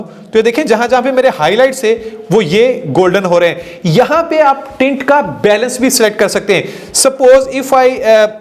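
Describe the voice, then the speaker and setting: A man giving a screen-recorded video editing lesson, explaining each step and mixing English terms into his talk, with hesitant fillers. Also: high voice. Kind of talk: screen-recorded software tutorial.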